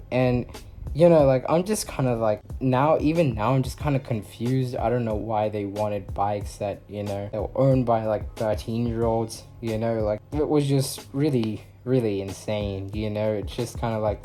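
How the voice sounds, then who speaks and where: A man's voice: fairly low pitch, mellow. A young man telling a personal story in a casual, rambling way, full of fillers.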